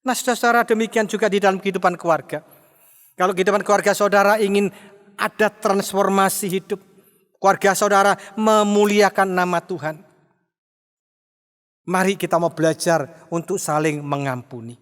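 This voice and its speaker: A man's voice: sits high, steady tone, normal speed, fairly bright tone. A middle-aged male pastor preaching an emphatic sermon, asking rhetorical questions and briefly mimicking arguing spouses. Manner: mimics quarrelling spouses in a raised voice. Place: church. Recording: long reverb of a church hall.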